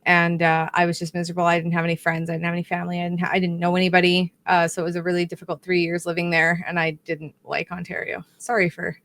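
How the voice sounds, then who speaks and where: A woman's voice: fairly low pitch, monotone, fast talker, few pauses, fairly bright tone. A young woman co-hosting a podcast, chatting casually in a rambling, self-correcting way. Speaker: podcast co-host. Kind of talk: casual chat.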